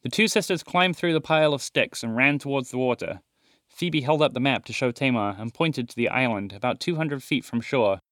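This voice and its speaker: A man calmly reading a children's storybook aloud. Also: medium pitch, fairly quick, no room sound, studio quality. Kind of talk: storybook narration.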